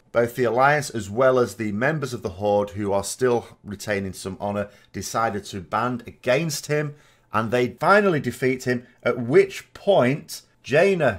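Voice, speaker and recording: A man narrating a video of game lore commentary, explaining things in a measured, emphatic way. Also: fairly low pitch.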